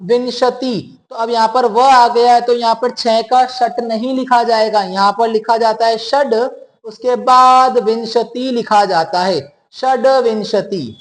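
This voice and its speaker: Extremely high-pitched and fairly even in intonation, this man's voice is unhurried as he teaches a classroom lesson. He patiently lays out rules, repeatedly calls his students "beta," asks them questions, and checks that they're keeping up.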